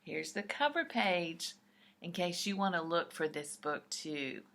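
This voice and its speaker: Her pitch fairly low, a woman reads a picture book aloud to young children, expressive, deliberate, and explanatory.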